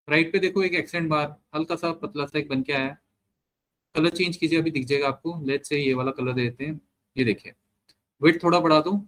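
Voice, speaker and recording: A man giving a step-by-step screen-share software lesson, mixing Hindi with English terms and often checking in with the learner. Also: on the high side. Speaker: software trainer.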